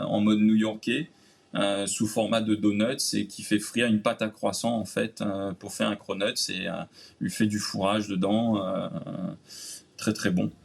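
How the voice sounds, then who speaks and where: Réunionese man, guest in a casual chat, low voice with a gravelly edge, relaxed and rambling. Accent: Réunionese French.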